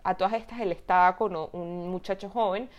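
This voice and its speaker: A woman in her twenties with a Venezuelan Spanish accent, telling a story in casual chat, animated and exasperated, swearing freely. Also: lowish voice, a little fast, muffled recording. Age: 20s.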